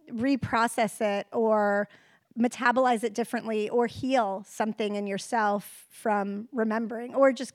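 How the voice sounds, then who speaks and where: A woman's voice: fairly high pitch, dry recording, studio quality. A woman in her forties who adapted a book into a series, talking reflectively in a conversational interview. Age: 40s.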